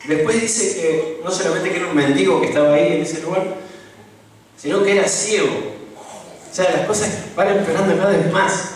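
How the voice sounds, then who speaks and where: A man's voice: high voice, moderate pace, slight background noise. A young man with a Rioplatense Spanish accent giving an informal, conversational sermon, often asking the congregation questions. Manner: conversational, asks the congregation questions, many tag questions. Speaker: lay preacher. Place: church hall. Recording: echoey church recording from a distance.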